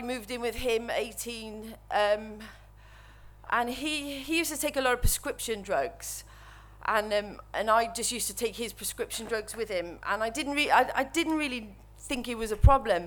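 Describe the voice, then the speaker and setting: A woman in her thirties with a Welsh accent, nervously telling her recovery story to an audience at a microphone, halting and full of restarts. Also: on the high side, a bit bright. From Wales. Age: 30s. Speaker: speaker sharing recovery story. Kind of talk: personal testimony to an audience. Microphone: microphone while standing before an audience.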